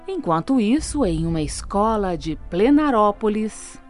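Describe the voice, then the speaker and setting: A woman's voice: mid-range voice, big pitch swings, a little slow, faint music behind. A woman narrating a scripted children's story.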